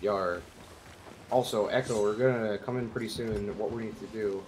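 A man's voice: lowish voice, steady tone, moderate pace, darkish tone, slight background noise. A man hosting a casual gameplay chat with friends, playful and directing his crew. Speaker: gaming host.

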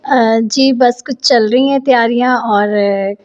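A woman's voice: fairly high pitch, fairly even intonation, slow pace. A woman from Pakistan at home, chatting cheerfully as a guest about her holiday preparations. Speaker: interview guest. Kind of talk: casual chat. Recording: slightly dull lo-fi audio.

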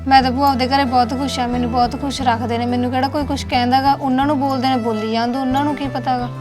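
Woman doing a quick high-voiced young niece, soothing, music behind. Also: steady tone, lightly acted. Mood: reassuring. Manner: rapid, reassuring. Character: young married niece, caring and reassuring.

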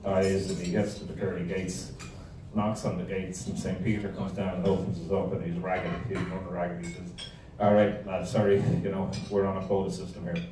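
At a moderate pace and with a low pitch that barely moves, an Irish man in his sixties offers a club a wry, wandering, comic history lecture with slides. It takes place in an indoor hall with a projection screen, with a handheld or stand microphone. The audience-camera recording sounds distant, echoey and noisy.

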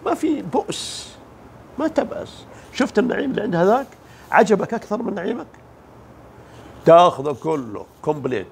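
A man's voice: fairly high pitch, gravelly, a little mellow, a little hiss or hum. A man giving a motivational religious talk, emphatic, asking rhetorical questions and mimicking the people he describes. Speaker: motivational speaker.

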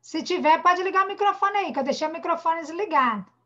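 Bright-voiced Brazilian teacher on a video call. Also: female voice, very high voice, lively intonation. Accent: Brazilian Portuguese. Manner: patient, sounds out syllables slowly, calls children "amor". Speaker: primary school teacher. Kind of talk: online class for young children. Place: home, online video class. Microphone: computer or phone mic on a video call. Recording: dull lo-fi video-call audio.

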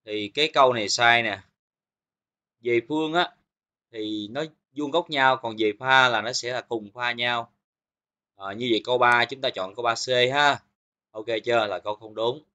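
A man's voice: mid-range voice, normal speed, pushed and bright. A man teaching physics, going through exam questions one by one and checking in with his students often. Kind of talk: exam review lesson.

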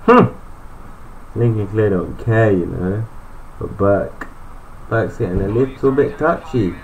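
A man's voice: lowish voice, slow pace, slight background noise, poor audio. A man giving chatty, joking gameplay commentary, thinking aloud as he plays. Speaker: gaming YouTuber.

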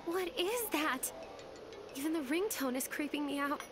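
A woman's voice: high voice, expressive, moderate pace, over loud music. A woman playing an easily scared, flustered teenage schoolgirl in an anime video game, dramatic and emphatic.

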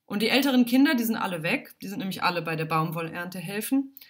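A woman telling a children's story aloud, animated and dramatic, on a home livestream. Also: medium pitch, fast talker.

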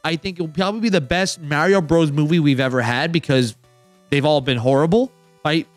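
Excitable, rambling man hosting a chat. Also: a little high, a little fast, dry recording, faint music behind. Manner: rambling and excitable, full of "like" and "dude". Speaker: podcast host. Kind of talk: casual roundtable chat.

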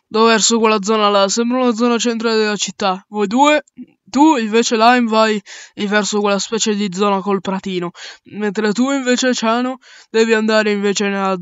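A man voicing a male space crew captain in an amateur audio drama, giving orders and reasoning aloud with pauses. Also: high-pitched, a bit bright, clear, resonant tone, no room sound, dull audio.

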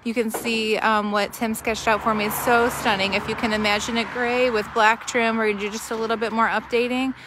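A woman's voice: a little high, flat delivery, a little fast, hardly any pauses. Chatty woman vlogging outdoors, noisy phone audio. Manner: informal, chatty, talks viewers through things. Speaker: small business owner vlogging. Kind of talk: casual live vlog chat to followers. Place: outdoors in a driveway beside a road. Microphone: handheld phone at arm's length.

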